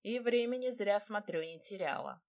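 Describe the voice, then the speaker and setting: A woman voicing a gruff, stubborn young mountain lord who talks curtly and mocks his bride. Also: mid-range voice, normal speed, a little mellow, natural voice. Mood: mocking. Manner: curt, mocking, stubborn. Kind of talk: audiobook character reading.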